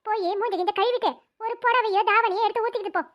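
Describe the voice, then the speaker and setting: A woman voicing a stern, bossy old village grandmother in a cartoon, with a shrill scolding manner. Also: steady tone, quick pace, highs cut off. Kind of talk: cartoon voice acting.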